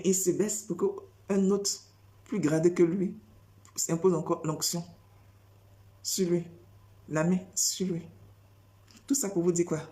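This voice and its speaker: Woman preacher, sermon delivery; low, mellow tone, insistent and repetitive, heavy on rhetorical questions. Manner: insistent, repeats phrases and fires rhetorical questions.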